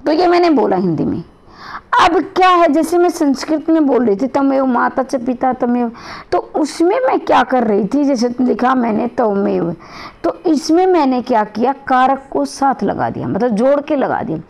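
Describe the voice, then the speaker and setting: A woman's voice: high voice, expressive, moderate pace, vocal fry. A woman teaching a lesson to exam candidates, with a strained throat, repeating and rephrasing each point and putting questions to her students. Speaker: Hindi teacher for exam preparation.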